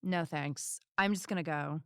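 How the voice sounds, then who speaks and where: In a scripted audio drama, an actress voices a blunt, fed-up sidekick with a cyborg arm, sounding irritated and sarcastic. Her low voice is smooth and unhurried, recorded with no room sound.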